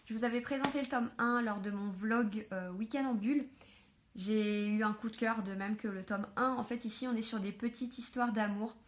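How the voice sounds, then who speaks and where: A woman chatting casually to camera at home about books she was given, filling pauses with hesitations. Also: fairly high pitch, steady tone, slight background noise. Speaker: book vlogger. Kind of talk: casual book haul chat.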